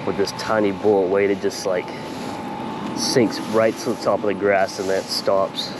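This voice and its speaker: A man with a slightly creaky voice chatting casually and in slang to viewers as he hosts a fishing vlog outdoors. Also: low voice, flat delivery, moderate pace, heavy background noise. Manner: laid-back, slangy, talking to viewers. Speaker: fishing vlogger and host. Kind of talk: casual chat while fishing. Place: outdoors by a small pond.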